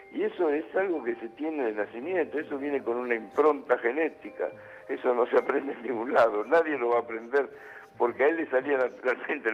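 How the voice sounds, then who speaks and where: A man with an Argentine accent, a journalist guest calling in by landline phone and speaking emphatically, repeating his points. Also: medium pitch. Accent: Argentine Spanish. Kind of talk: phone interview. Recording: muffled phone line with music.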